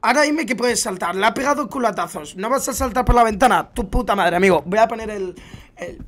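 A young man with a Spain Spanish accent doing excited gameplay commentary as a gaming YouTuber, bursting into loud exclamations and swearing. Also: high voice, brisk.

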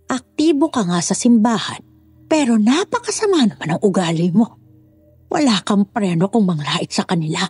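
A woman doing a husky, scheming older woman. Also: lowish voice, darkish tone, no echo. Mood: scolding. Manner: scolding, condescending. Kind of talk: dramatized horror story.

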